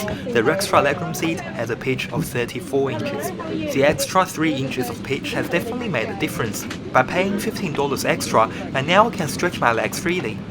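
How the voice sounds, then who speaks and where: A man reading scripted voice-over narration for a flight review. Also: medium pitch. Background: loud background music.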